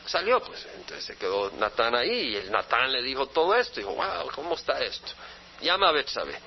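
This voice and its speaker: A man's voice: medium pitch, big pitch swings, brisk, vocal fry, slight background noise. A male pastor reading scripture aloud and then preaching on it, turning to his listeners with rhetorical questions. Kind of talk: sermon, Bible study. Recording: dull lo-fi radio broadcast.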